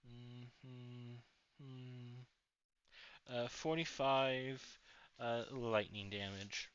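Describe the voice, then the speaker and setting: A man's voice: mid-range voice, steady tone, extremely slow, fairly bright tone, clear, resonant tone. A man narrating as game master of a tabletop game, rambling with many fillers and restarts. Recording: dull lo-fi audio.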